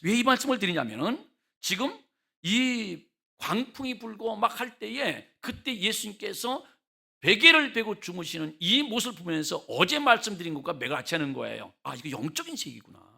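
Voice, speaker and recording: A man's voice: high-pitched, very animated, normal speed, creaky, bright, forceful tone, husky. A male pastor preaching a revival sermon in a church, emphatic and full of rhetorical questions to the congregation.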